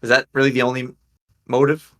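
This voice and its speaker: A man with an ordinary middle-pitched voice hosts a casual sports podcast. He lines up each topic and tosses questions to his co-hosts. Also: monotone, fairly quick, a bit bright. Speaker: podcast host.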